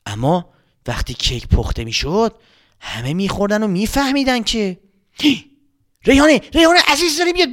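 Guy telling a kids story, lively and sing-song, high voice, drops to whispers. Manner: animated, exclaiming, with dramatic whispers. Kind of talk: children's story narration.

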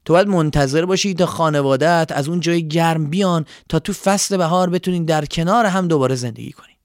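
A man's voice: on the high side, no echo, clean studio sound, natural voice. A man voicing a kind old scarecrow. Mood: reassuring. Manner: soft, reassuring. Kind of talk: storybook voice acting.

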